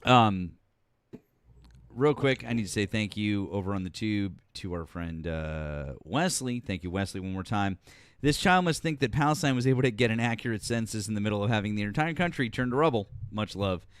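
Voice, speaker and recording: A man's voice: on the low side, normal speed, clear, resonant tone. A man in his forties hosting a call-in political live stream in a loose, swearing way. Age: 40s. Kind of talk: casual call-in political debate.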